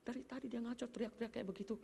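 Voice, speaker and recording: A woman preacher voicing irritated disciples who hush and scold in a whisper. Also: fairly high pitch, fairly even intonation, rapid-fire, vocal fry, breathy edge. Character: annoyed disciples hushing a noisy woman.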